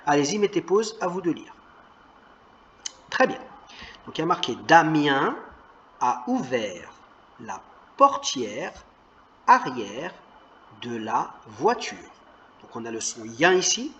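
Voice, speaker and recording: Animated male teacher reading slowly. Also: on the high side, a little hiss or hum. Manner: slow, clearly stressed word-by-word reading; patient, encouraging teacher talk. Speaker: primary school teacher. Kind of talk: reading lesson for children.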